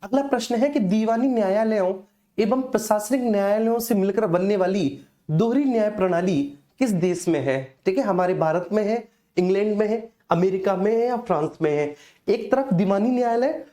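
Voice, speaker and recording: A woman's voice: medium pitch, dark tone. A middle-aged woman teaching an exam-prep lesson, repeating each key answer and addressing her students fondly as children.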